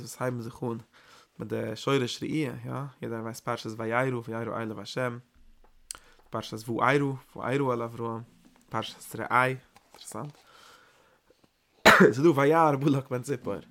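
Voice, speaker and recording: A man with a gravelly voice teaching a Torah lecture at an ordinary pitch. He pushes out points in loud, emphatic bursts, then repeats and rephrases them with small hesitations.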